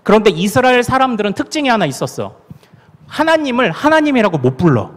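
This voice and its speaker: Male pastor with Gyeongsang accent, family sermon, playful, lively up-and-down delivery, echoing hall. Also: very high-pitched, fast. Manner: playful, acts out dialect lines and laughs. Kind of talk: family prayer-meeting sermon. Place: church sanctuary. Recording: long hall reverb.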